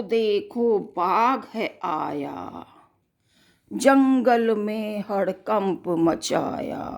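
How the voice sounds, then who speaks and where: A woman's voice: medium pitch, a little mellow. A middle-aged woman teaching children, reciting a poem in a sing-song, repetitive way.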